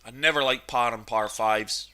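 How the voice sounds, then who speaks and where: A man hosting a gaming channel talks excitedly through golf gameplay despite a cold that leaves him sniffly. His medium-pitched voice is sharp yet smooth, and he speaks at normal speed.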